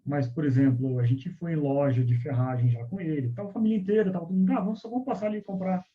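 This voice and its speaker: A man guest and father talking in a relaxed way in a casual interview, telling small stories. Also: a little high, fast talker. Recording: dull lo-fi sound.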